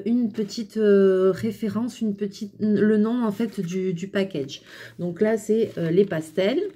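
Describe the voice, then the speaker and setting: Slow, hesitant French woman reviewing pens. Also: medium pitch, slight background noise. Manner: hesitant, many fillers, chatty and relaxed. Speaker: craft vlogger reviewing pens. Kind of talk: casual product review.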